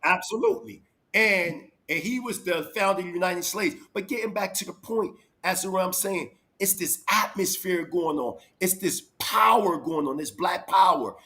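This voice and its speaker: A man in his forties from Philadelphia with a high, ringing voice. He debates hotly, lecturing and stacking example after example with insistence. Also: normal speed, sharp tone. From Philadelphia, USA. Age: 40s. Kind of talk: heated debate.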